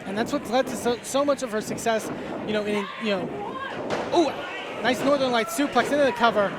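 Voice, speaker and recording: A man doing live play-by-play wrestling commentary in an excitable way, punctuating his calls with exclamations. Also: very high voice, a little fast. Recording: noisy venue with loud crowd. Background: crowd noise.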